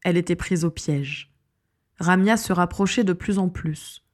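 A woman with a fairly low voice reads a fantasy novel aloud. Her narration is scripted, steady and expressive, carrying the story forward. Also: measured pace. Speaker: audiobook narrator.

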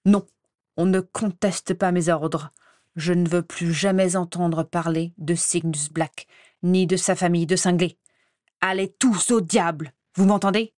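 A man's voice: sits high, a little slow, no room sound, studio quality. A woman voicing a furious, pompous male ministry official who barks orders at his assistants. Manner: barking orders.

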